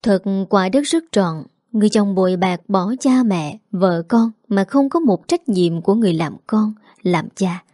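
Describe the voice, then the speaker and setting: A woman narrates a story in a calm, even reading voice. Her tone is mellow and warm, captured close and dry with no room sound. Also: medium pitch, moderate pace, dry recording.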